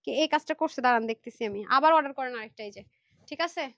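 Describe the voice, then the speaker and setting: A woman with a high, bright voice fires off a fast Facebook live pitch for a clothing sale, muffled and without echo. She's chatty and pushy with viewers, but a long session has left her tired and worn out.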